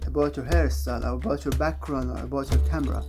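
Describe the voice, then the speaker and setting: A man's voice: mid-range voice, steady tone, fast, over music. A man in an amateur scripted skit, insistently pep-talking a friend.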